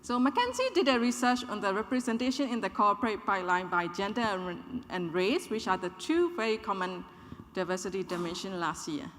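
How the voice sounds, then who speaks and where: A woman in her thirties, originally from Burma, delivers a prepared conference presentation at a measured, clear pace. Her voice is bright and forward. The sound carries the long reverb of a large hall. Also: medium pitch, expressive. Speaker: conference speaker.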